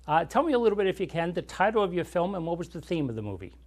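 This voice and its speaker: The host of a classic movie show chats with young guests and interviews them, explaining things in a friendly way and asking follow-up questions. His voice sits high and sounds sing-song, and he talks at a racing pace.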